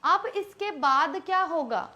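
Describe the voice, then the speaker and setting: A woman's voice: very high-pitched, animated, takes it slowly, bright, forceful tone. A woman with an Indian accent teaching an online English class. She explains step by step and keeps quizzing her students.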